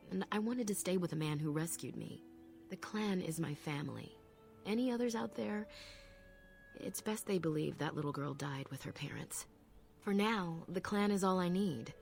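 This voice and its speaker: An actress playing a calm, proud elf apprentice who speaks in a measured, reflective way with a low husky voice, from a game. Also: female voice, soft background music. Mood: solemn.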